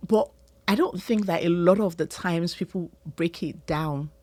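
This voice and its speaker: Chatty low-voiced woman host. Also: unhurried, dark tone, no echo. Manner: chatty, lots of "you know" and "like". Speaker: podcast host. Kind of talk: casual interview chat.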